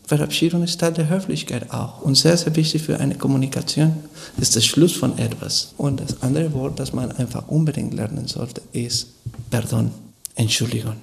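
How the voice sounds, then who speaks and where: Man, Spanish speaker, gravelly voice, halting radio interview guest. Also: mid-range voice. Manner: hesitant, searching for words with restarts. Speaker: guest, Spanish course teacher.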